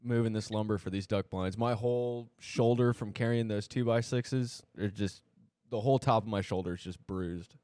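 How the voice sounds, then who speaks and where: A man's voice: on the low side, normal speed, clear, resonant tone, no echo, clean studio sound. A man co-hosting a podcast, telling stories casually and acting out what people said. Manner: animated storyteller, acts out quotes. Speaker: podcast co-host. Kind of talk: casual storytelling.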